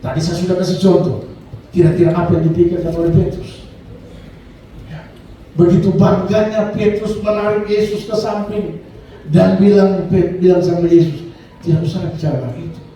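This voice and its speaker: Pastor, male, high and very dark, animated sermon delivery with amen calls, heard from afar in a very echoey church. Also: moderate pace, a little hiss or hum. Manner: animated preaching, punctuated by calls of amen and hallelujah. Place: church hall. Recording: echoey church hall, from far off.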